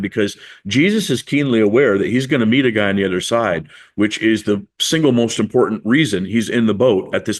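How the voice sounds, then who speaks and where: Storytelling male pastor preaching. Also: fairly low pitch. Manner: conversational storytelling, acts out quotes. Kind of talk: sermon.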